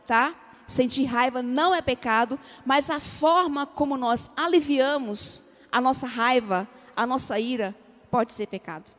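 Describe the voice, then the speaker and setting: A woman with a Brazilian Portuguese accent preaching a sermon, drawing the congregation into call-and-response and acting out everyday dialogue. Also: high voice. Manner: lively, acts out everyday dialogue. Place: church sanctuary. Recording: long church hall reverb.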